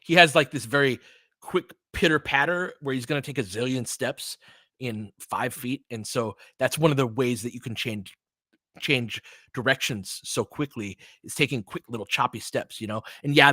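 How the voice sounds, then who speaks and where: A man from California with an American accent hosts a casual basketball show, doing play-by-play and answering listeners. His medium-pitched voice is bright and forceful at a moderate pace, with no echo. He thinks aloud analytically, his sentences trailing off and restarting.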